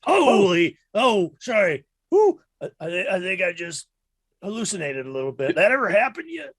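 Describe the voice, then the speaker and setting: A man voicing a rambling, folksy hobo-like hitchhiker with a raspy, smoker's throat in an improvised tabletop game. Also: sits high, big pitch swings, normal speed, no room sound, studio quality, pitched above the performer's own voice. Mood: dazed, halting. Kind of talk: improvised tabletop role-play.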